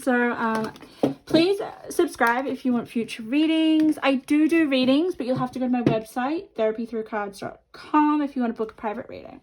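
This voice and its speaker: A woman's voice: high voice, moderate pace, low-quality recording. A woman giving a chatty intuitive tarot reading to viewers while her mouth is half numb from the dentist. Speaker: tarot card reader and host.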